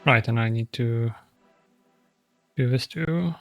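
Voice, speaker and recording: A man's voice: mid-range voice, takes it slowly. A man chatting casually on a livestream as a music producer, with a playful, silly, cute streamer manner. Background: music playing.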